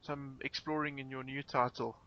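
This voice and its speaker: A man hosts a casual podcast in a bright, forceful voice. He is polite and halting, repeating words as he goes. The audio is slightly dull, as from an online call. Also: mid-range voice, flat delivery. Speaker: podcast host. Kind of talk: casual hosting chat.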